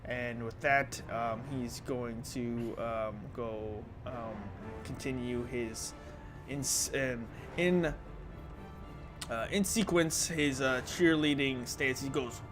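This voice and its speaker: As game master of a tabletop role-playing game, a man narrates and referees with playful, dramatic storytelling in casual language. He speaks slowly at medium pitch, and music can be heard clearly behind him.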